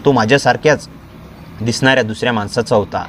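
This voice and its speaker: A man narrating a dramatic first-person story in a steady, scripted storytelling voice. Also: medium pitch, fast talker, slight background noise.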